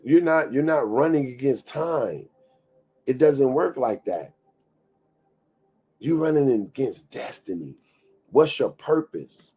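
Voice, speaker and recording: A man in his thirties hosts a motivational talk in a warm, mid-range voice. His delivery is preachy yet conversational, and he repeats phrases for emphasis.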